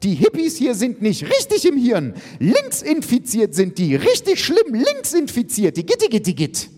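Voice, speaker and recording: A man voicing a hysterical, aggressive woman who screeches her insults far above his own pitch. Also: sing-song, fairly quick. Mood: screeching paranoia. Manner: screeching, very high and loud. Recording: long hall reverb.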